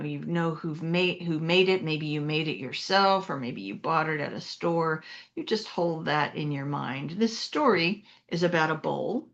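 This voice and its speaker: Slow, low-voiced woman minister preaching. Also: dull audio. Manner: gentle, unhurried storytelling with guided imagery. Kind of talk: sermon.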